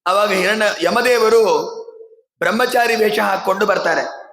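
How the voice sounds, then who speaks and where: A man giving a devotional discourse in a slow, measured way, breaking into melodic chanting of verses and hymns. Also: sits high, vocal fry, a bit bright, reverberant, poor audio. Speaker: Bhagavata discourse speaker.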